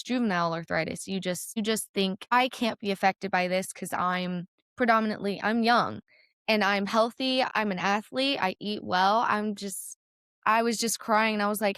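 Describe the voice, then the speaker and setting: A woman's voice: medium pitch, a bit bright, smooth, no echo, clean studio sound. A young American woman, a college athlete, earnestly telling a personal story on a podcast, with tearful moments and laughs. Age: young adult. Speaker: guest, college gymnast.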